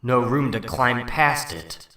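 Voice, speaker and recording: A man acting a cocky, quick-tempered teenage superhero in a dramatic comic book reading, brash and wisecracking. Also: medium pitch, animated, pushed and bright. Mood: confident.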